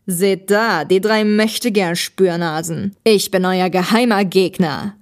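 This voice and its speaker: Woman voicing a loud gloating villain man. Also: mid-range voice, unhurried, close to an everyday voice.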